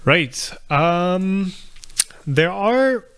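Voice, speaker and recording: Gravelly-voiced man answering questions casually. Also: high voice, extremely slow. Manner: relaxed, thinks aloud with many fillers and restarts. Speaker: channel host answering viewer questions. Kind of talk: casual live Q&A about 3D printing.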